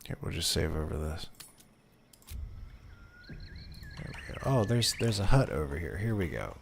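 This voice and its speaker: A man gives casual playthrough commentary, muttering as he goes. His voice is very low and gravelly, with faint noise behind. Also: lively intonation, unhurried. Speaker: streamer, game player. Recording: background noise and game sounds.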